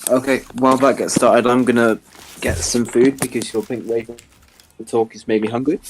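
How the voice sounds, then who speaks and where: A young man calmly explaining chess openings while commentating a stream. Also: mid-range voice, background noise. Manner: explanatory, measured.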